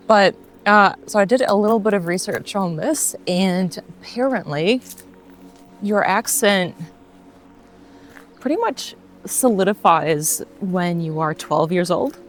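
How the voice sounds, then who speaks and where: A woman vlogger in her forties, originally from Russia, chats loosely while walking in the bush, laughing often and filling gaps with fillers. She speaks slowly at medium pitch with long pauses, and music plays faintly behind her. Years in New Zealand have slightly colored her largely American accent.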